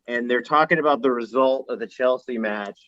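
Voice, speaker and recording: A man's voice: mid-range voice, a little fast, a bit bright, dry recording, dull audio. A man co-hosting a podcast, chatting casually and laughing as he tells a story. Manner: chatty, laughs while telling stories. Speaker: podcast co-host.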